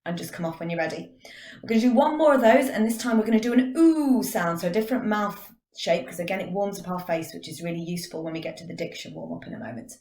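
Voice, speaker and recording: A woman teaching drama, calmly guiding a class through a breathing and vocal warm-up and counting out each breath. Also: mid-range voice, fast talker. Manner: calm, counting out breathing exercises. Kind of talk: guided vocal warm-up lesson. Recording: echoey room.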